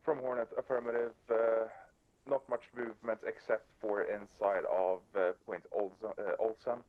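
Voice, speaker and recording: A man with a very deep voice speaks over a walkie talkie, giving drone reports in clipped radio procedure. He hesitates often and fills gaps with fillers. The walkie talkie sound is dull and lo-fi. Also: flat delivery, moderate pace. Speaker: drone operator in a milsim game.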